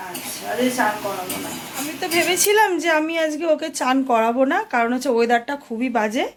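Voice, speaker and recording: Young indian mom vlogging from her kitchen, highish voice, chatty, sweet-talking her toddler. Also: lively intonation, quick pace. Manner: chatty, addresses viewers as friends, coaxing baby talk with her toddler. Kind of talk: casual home vlog.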